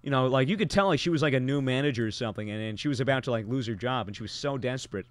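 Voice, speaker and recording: A man's voice: medium pitch, racing, slight background noise. A young man telling a long story on a podcast, rambling with lots of fillers and restarts.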